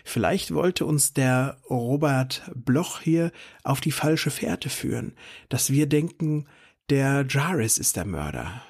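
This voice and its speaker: A man's voice: mid-range voice, lively intonation, slow pace, a little mellow, husky. A man co-hosting a podcast, discussing an episode in casual, thoughtful chat with light irony. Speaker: podcast co-host.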